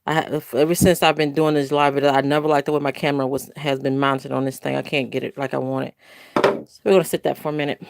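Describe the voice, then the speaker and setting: An older woman with a rumbling low, gravelly voice hosts a casual crafting livestream from home, recorded on a phone camera. She talks fast in a level tone, rambling and correcting herself as she goes.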